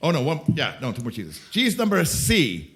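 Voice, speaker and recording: A man's voice: on the high side, huge pitch swings, normal speed, a bit bright. A man hosting a comedy panel quiz, playful and laughing often, announcing answers with mock gravity. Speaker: quiz show host.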